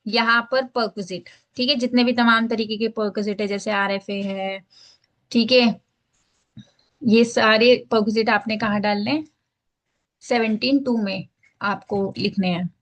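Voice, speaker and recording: A woman teacher walking students through a tax filing form step by step, mixing English phrases into Hindi and checking in often. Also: fairly high pitch. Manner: explains step by step, repeats "ठीक है" to check in. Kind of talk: screen-share tax filing lesson.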